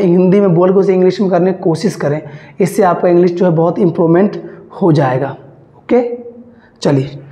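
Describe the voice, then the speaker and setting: A man's voice: sits high, a little mellow. A man teaching English grammar in a casual tutorial, repeating phrases and asking his students rhetorical checks. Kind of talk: casual Hindi tutorial lesson. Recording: echoey, dull lo-fi room recording.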